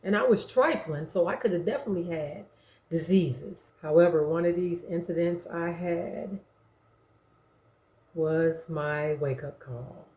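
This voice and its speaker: A middle-aged woman frankly telling her own story, in slangy, animated speech that acts out what others said. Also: on the low side, measured pace. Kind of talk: confessional storytelling. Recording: roomy echo.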